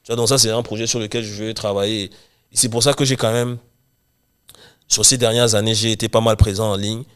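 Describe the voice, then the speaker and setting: A young man from Cameroon, a guest chatting casually in an interview, talking in quick run-on restarts. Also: on the low side, little pitch movement, smooth. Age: young adult. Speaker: guest, real estate investor and coach.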